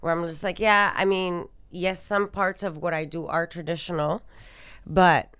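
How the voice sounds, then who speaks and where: A woman's voice: lowish voice, fairly even intonation, unhurried, a bit bright, smooth, no echo. A woman from Sudan, a musician guest in an interview, talking thoughtfully and with emphasis. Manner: thoughtful, emphatic, acts out quoted speech. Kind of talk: conversational interview.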